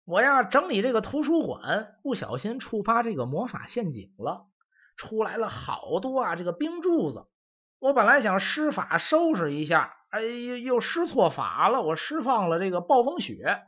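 A man's voice: high-pitched, huge pitch swings, moderate pace, a bit bright, husky, pitched above the performer's own voice, exaggerated voice. A man voicing a young male mage apprentice who makes plaintive, sighing excuses. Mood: sheepish. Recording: dull lo-fi audio.

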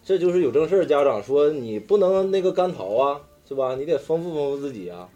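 A man with a Northeastern Chinese accent tells casual stories among friends. His voice is mellow and moves animatedly up and down, with earthy slang and the odd swear word. Faint music plays behind him. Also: a little high, sing-song, brisk, muffled recording. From Daqing, northeastern China. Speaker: talk show storyteller among friends. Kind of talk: casual chat, personal anecdotes.

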